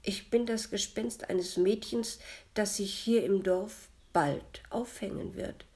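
A woman's voice: lowish voice, sing-song, slow pace, vocal fry, a little mellow, heavily acted. A woman voicing the ghost of a young girl, whiny, touchy and plaintive, in a read-aloud story.

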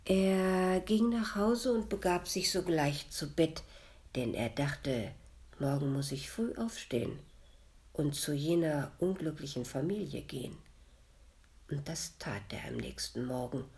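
A woman reading a folk tale aloud, narrating softly and often in a near whisper. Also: deep voice, a little slow. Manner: soft, half-whispered narration. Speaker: storyteller. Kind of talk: storybook reading.

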